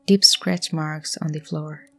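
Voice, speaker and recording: A woman narrating a scary story in a hushed voice, often dropping to a whisper. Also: low-pitched, fairly even intonation, takes it slowly, gravelly. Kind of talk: scripted horror story narration.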